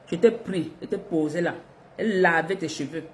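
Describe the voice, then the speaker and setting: A middle-aged woman from Africa, telling a personal story to her viewers in a lively, expressive way, laughing between lines. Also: fairly low pitch, normal speed, a little hiss or hum. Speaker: vlogger.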